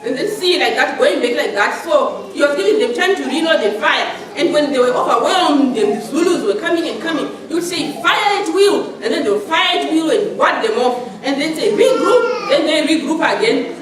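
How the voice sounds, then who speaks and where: A woman preaching a sermon in a church hall, animated and laughing often as she talks. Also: sits high, brisk, hardly any pauses, slight background noise. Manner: animated, laughing often, acting out shouted commands. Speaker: lay preacher. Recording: echoey church hall, mic far off, congregation audible.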